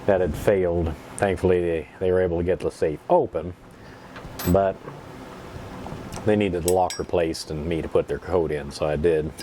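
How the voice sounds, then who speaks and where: A man chatting casually and telling stories in an unhurried, rambling, folksy way, at times with a pipe in his mouth. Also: sits low, steady tone, background noise. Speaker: pipe-smoking vlogger. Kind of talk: casual storytelling chat.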